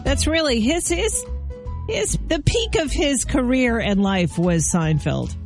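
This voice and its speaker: A woman's voice: sits high, lively intonation, measured pace, soft background music. Chatty woman co-hosting morning radio. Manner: chatty, laughs easily, teasing. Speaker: radio morning show co-host. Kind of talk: casual radio banter.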